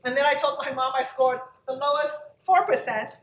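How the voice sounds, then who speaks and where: A woman's voice: high voice, normal speed, a little hiss or hum. A woman from Hong Kong and Macau, giving a casual talk to an audience, nervous and chatty with self-deprecating asides. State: nervous and over-caffeinated. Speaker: guest speaker. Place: lecture room. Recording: echoey hall, recorded from a distance.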